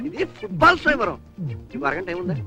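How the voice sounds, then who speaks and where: A man's voice: very high-pitched, huge pitch swings, quick pace, creaky, over music, heavily acted. An actor playing a scheming, blustering middle-aged father in a comic film role, who keeps repeating a pet word. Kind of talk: 1970s Telugu film acting.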